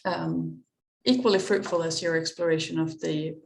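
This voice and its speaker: A woman's voice: sits low, steady tone, moderate pace, gravelly. A woman asking a panelist a question in an academic discussion over a video call. She sounds polite and apologetic and searches for her phrasing. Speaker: audience questioner.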